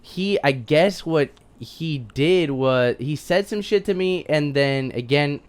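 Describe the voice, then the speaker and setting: Young man, podcast co-host, smooth clear voice, slightly high, laid-back casual chat. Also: slow pace.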